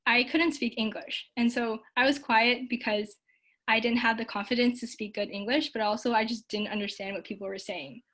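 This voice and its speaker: A woman's voice: a little high, steady tone, moderate pace, a bit bright. A young woman from Canada giving a casual online talk and answering audience questions, her speech full of likes and ums. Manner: frequent likes and ums, upbeat and earnest.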